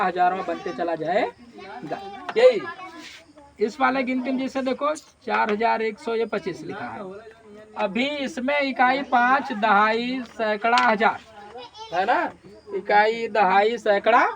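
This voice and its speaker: A man's voice: sits high, fairly bright tone. A male teacher giving a classroom maths lesson, repeatedly quizzing his class and answering his own questions.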